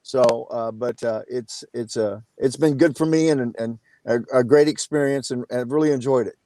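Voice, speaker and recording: A man's voice: medium pitch, normal speed, warm tone, dry recording. A man in his fifties, a college basketball coach, answering interview questions casually over a video call, with many fillers. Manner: many uh fillers, plain-spoken.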